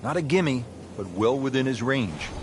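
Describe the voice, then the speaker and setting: A man working as a golf commentator, calling play as lead announcer with a measured, polished broadcast delivery. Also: medium pitch, lively intonation, lightly acted. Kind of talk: golf video game commentary. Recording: music and crowd noise behind. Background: music, loud crowd.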